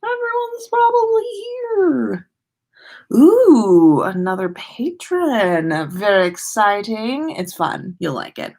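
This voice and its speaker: This American podcast host, livestreaming from her room, has a highish, slightly mellow voice that is very animated yet slow. She sounds worn out while rambling in an easygoing, playful way with sing-song asides.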